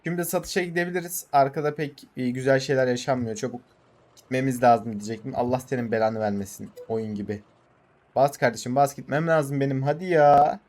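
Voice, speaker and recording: A young Turkish man commenting on his farming game in a casual, excitable way, swearing and urging his tractor on. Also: mid-range voice, brisk. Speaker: gaming channel host.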